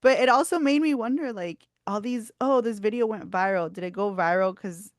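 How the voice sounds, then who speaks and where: A young woman co-hosting a casual podcast, telling animated stories, swearing freely and laughing often. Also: medium pitch, brisk, no echo, clean studio sound. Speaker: podcast co-host. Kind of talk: casual chat.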